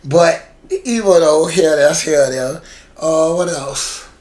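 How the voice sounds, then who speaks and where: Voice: medium pitch, slow pace, a little mellow. A podcast co-host in casual chat who swears freely, talks in slang and repeats words while thinking.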